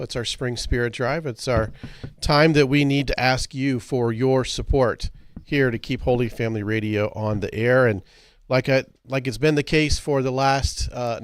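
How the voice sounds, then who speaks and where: Deacon guy on radio, gravelly morning voice, dry close studio sound. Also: medium pitch, dry recording. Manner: casual, self-deprecating, stops to clear his throat. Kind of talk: radio fundraising talk and prayer.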